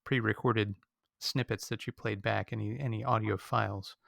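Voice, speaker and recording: Gravelly co-host man asking questions. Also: on the low side, fairly even intonation, normal speed, a bit bright, no echo. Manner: hesitant, lots of "uh". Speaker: podcast co-host. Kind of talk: casual interview questions.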